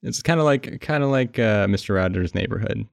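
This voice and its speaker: A man's voice: fairly low pitch, lively intonation, brisk, vocal fry, dry recording, studio quality. A man hosting a podcast in casual chat, recording under a blanket and often laughing as he rambles. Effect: muffled by a blanket over the mic. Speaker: podcast host.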